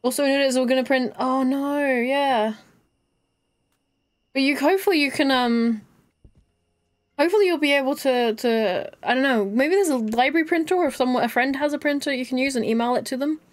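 A chatty woman with a fairly high voice talks to her viewers while she plays, close to her mic. She giggles a lot and keeps the talk loose and casual. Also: a little fast. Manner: giggly, chatty, often laughing. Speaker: streamer. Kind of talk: casual live-stream chat while gaming.

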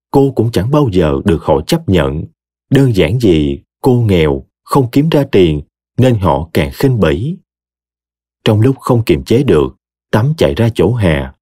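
A man narrating an audio story with an expressive, dramatic reading. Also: fairly low pitch, breathy edge, dry recording, studio quality.

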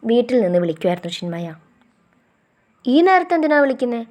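A woman reading the lines of a caring young man who scolds his girlfriend gently and then reassures her. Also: fairly high pitch, sing-song, quick pace, dull audio. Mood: scolding.

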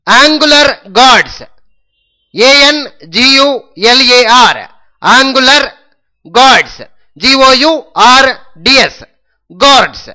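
A man's voice: very high-pitched, bright, forceful tone. A man with a Telugu accent teaching English vocabulary, spelling each word letter by letter and repeating it several times. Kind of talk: slow spelling lesson in Telugu.

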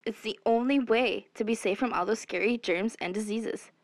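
A woman's voice: a little high, moderate pace, close to an everyday voice. A woman playing a gullible, upbeat parody news co-anchor with mock-sincere delivery in a satirical newscast.

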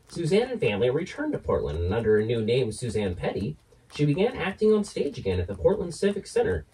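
Animated horror host man, slightly off-mic. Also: medium pitch, recorded from a distance, poor audio. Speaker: horror host puppet presenter. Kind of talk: scripted documentary narration.

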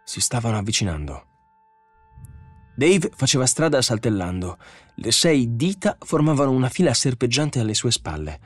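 A man reading a novel aloud as an audiobook narrator, in steady, measured storytelling. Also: medium pitch, slightly rough, no echo, faint music behind. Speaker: audiobook reader. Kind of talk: scripted narration.

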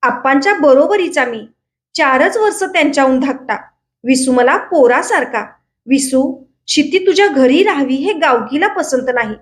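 A woman's voice: high-pitched, expressive, normal speed. A woman reading aloud as an evasive middle-aged village elder who talks hesitantly around the point.

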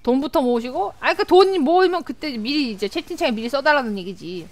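High-pitched excitable woman streamer. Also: fast talker. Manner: excitable, repeats words in bursts, frequent laughter. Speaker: game streamer. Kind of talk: live gameplay commentary.

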